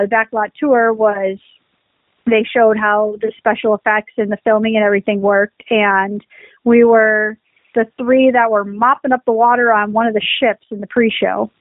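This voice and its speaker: A woman's voice: on the high side, moderate pace, no room sound. A woman co-hosting a casual podcast, telling rambling stories in a chatty, easygoing way. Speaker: podcast co-host. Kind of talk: casual chat. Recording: dry, phone-like lo-fi sound.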